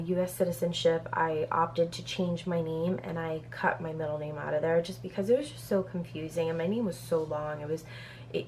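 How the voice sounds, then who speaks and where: Her voice is on the low side, with slight background noise in the recording. She's a Brazilian woman in her thirties, a beauty vlogger, casually working through a Q&A on her vlog by reading questions from paper and saying "um" often.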